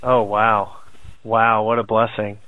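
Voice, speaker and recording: A man's voice: on the low side, little pitch movement, slow, no room sound. A man hosting a radio interview on a headset, friendly and tripping over his words. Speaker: radio host. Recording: dry tinny phone line.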